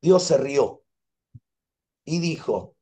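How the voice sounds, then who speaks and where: Argentine man teaching, dark soft voice. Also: mid-range voice, drawn-out words. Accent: Argentine Spanish. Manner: animated storytelling, repeats phrases for emphasis. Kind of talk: class over a video call. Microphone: video call.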